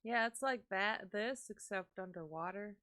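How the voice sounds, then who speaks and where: A woman's voice: mid-range voice, unhurried, pushed and bright. A woman co-hosting a podcast, chatting casually and teasing her co-host. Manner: laughs often, teasing.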